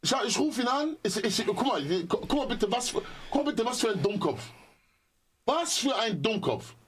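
A man's voice: very high-pitched, brisk, a little hiss or hum. A man telling a story in casual chat, acting out phone calls and repeating himself. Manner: animated, repetitive, acts out phone calls.

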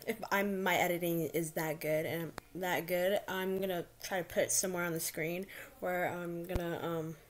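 A teenage girl chats into her laptop at home in a rambling, filler-heavy way, nervous and excitable. A slight lisp from her retainer colours her words. A faint hiss sits under the recording. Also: lowish voice, normal speed. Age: teens. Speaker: vlogger. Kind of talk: casual vlog chat. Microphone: laptop built-in mic.

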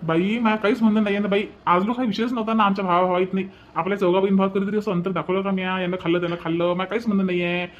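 A man's voice: high-pitched, flat delivery, rapid-fire, hardly any pauses, close to an everyday voice. A man voicing a henpecked village brother in a cartoon, with a Varhadi Marathi accent and a pleading, exasperated way of talking. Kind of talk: cartoon voice acting. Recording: dull lo-fi recording.

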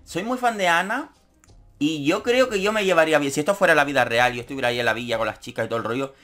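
A man's voice: medium pitch, a bit bright. Camp, sarcastic man. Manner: camp, sarcastic, quick jokes. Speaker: YouTube commentator. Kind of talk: casual comedic commentary.

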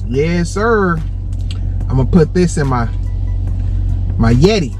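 Man, casual car vlog host, laid-back chatter, music playing loud behind. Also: a little high, lively intonation, slow pace. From Dallas, Texas. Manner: laid-back, chatty, eating between sentences. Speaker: food vlogger host. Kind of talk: casual car mukbang chat. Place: inside a parked car.

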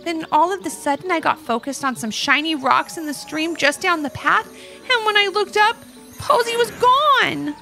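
A woman voicing a sweet, kind little female gnome who speaks gently and anxiously. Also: extremely high pitch, expressive, moderate pace, gravelly, faint music behind, voice pushed up, heavily acted. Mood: worried.

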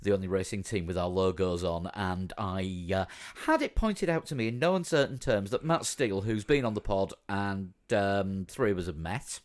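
A man co-hosting a podcast, chatting casually with relaxed, joking banter. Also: sits low, normal speed, hardly any pauses. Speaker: podcast co-host. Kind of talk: casual chat.

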